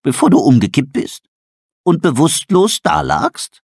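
Man reading a gruff, practical male owl in a storybook, husky voice. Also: fairly high pitch, huge pitch swings, unhurried, darkish tone, dry recording, clean studio sound, pitched above the performer's own voice, full character voice. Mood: gruff, coaxing. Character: blunt, brisk male owl.

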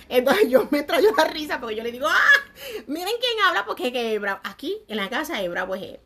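A young woman chatting to her viewers, lively and laughing, with crude slang and sudden swings between loud and soft. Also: high voice. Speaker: vlogger. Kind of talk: casual chat to viewers.

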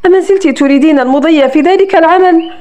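A woman reading the lines of a young man in love, calm, earnest and possessive, in a romance audiobook. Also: extremely high pitch, fast talker. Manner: calm, tender delivery.

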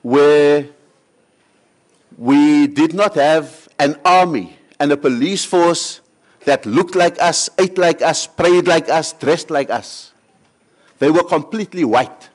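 Middle-aged man from South Africa, panel speaker, deliberate cadence, slightly high pitch. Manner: measured, rhetorical, with repeated phrases. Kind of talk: conference panel answer. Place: conference hall on stage. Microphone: table microphone.

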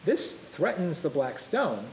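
A man lectures a room of students, his voice a touch higher than most men's. He is lively and keeps firing questions at the class. A faint hum sits under the recording. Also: slow. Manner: energetic, asks the class questions. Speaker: go teacher.

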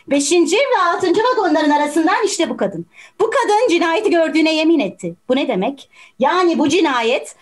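A woman playing a patient, persuasive juror. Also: very high-pitched. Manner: reasoning, questioning, patient. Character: calm, persuasive juror doubting a guilty verdict. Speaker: juror in an online amateur play. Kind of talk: amateur video-call stage acting. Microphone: video call.

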